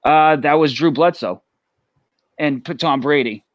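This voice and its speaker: On a video call, a young Massachusetts guest with a heavy Boston accent keeps things relaxed, his speech halting and packed with fillers. His pitch is fairly high, and the audio is dull but free of echo.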